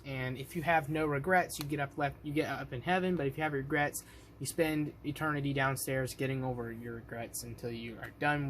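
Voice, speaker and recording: A man's voice: fairly high pitch, slight background noise. A man casually reacting to a video, talking loosely with lots of fillers as he rambles through his thoughts.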